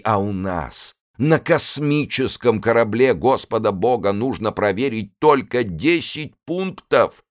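A man reading an audiobook, voicing a fiery male evangelist preacher who leads a crowd in sweeping, preacherly tones. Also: mid-range voice. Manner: sweeping, preacherly, rising to shouts.

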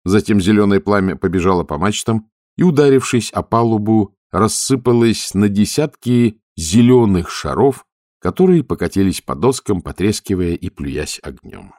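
A man narrating an audiobook in a measured storytelling manner. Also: fairly low pitch, animated, darkish tone, dry recording, studio quality. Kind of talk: scripted narration.

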